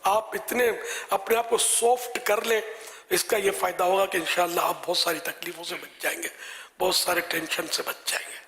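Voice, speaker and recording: A man giving a live religious talk with soft-spoken advice, often dropping to a whisper. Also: sits high, flat delivery, creaky, long reverb tail. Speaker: religious scholar.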